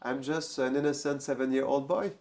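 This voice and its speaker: A man's voice: medium pitch, fairly even intonation, a little fast, a little mellow, lightly acted. A man doing Krishna, a mock-innocent little boy. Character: Krishna, playful seven-year-old boy feigning innocence.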